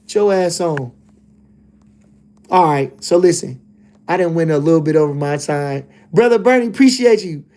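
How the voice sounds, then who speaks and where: Casting note: male streamer, slightly higher voice, loose rambling fight talk. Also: moderate pace, long pauses, mellow. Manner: laid-back, loose and rambling, lots of "you know what I'm saying". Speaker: livestream host, boxing commentator. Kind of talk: casual livestream chat reading comments.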